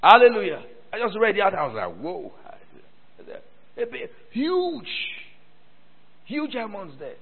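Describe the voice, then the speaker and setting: Long hall reverb surrounds a thin, phone-like recording of a pastor preaching in a church hall. His high voice swoops wildly in pitch, a little slow and with vocal fry, as he repeats phrases and calls on the congregation to respond.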